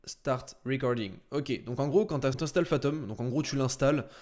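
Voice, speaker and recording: A man demoting nothing but walking through software in a casual, rapid screen-share tutorial, full of fillers and little sound words. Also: mid-range voice. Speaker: sales coach.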